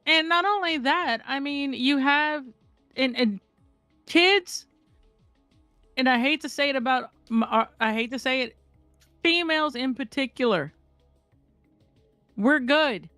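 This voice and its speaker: A candid, animated woman telling stories in casual chat, her voice sitting a little higher than most and recorded close and dry. She talks bluntly and swears without hesitation, and faint music plays underneath. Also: measured pace, pauses often, dry recording.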